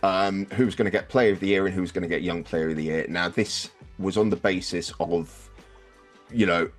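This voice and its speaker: Over soft background music, a man with a deep voice briskly reviews football season results for his podcast, keeping it casual and wry with occasional swearing.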